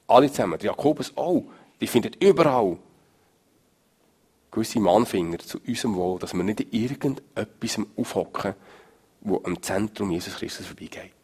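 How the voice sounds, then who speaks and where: A male preacher, giving an emphatic sermon that swings from loud stresses to low murmurs. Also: expressive, moderate pace. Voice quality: gravelly, husky.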